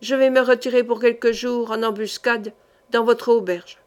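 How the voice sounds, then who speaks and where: A woman reading an audiobook, voicing a fierce, proud male medieval captain who speaks low and cold. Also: fairly even intonation, moderate pace, close to an everyday voice. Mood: grim.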